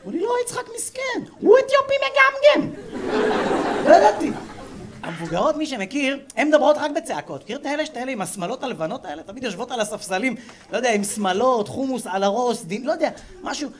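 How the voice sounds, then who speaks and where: A man performing stand-up comedy to a live audience, telling stories in a lively way. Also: extremely high pitch, background noise. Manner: lively, animated storytelling.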